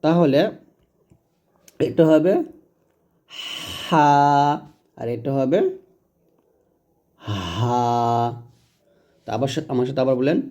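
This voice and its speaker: A man teaching Quranic letter pronunciation in a patient, repetitive way, drawing out each sound slowly to demonstrate it. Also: medium pitch, dark tone. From Bangladesh. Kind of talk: recitation lesson.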